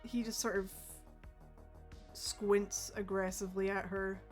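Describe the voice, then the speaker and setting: A woman's voice: mid-range voice, little pitch movement, a little slow, faint music behind. Easygoing woman game master. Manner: casual and easygoing, with many fillers. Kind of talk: narrating a tabletop game.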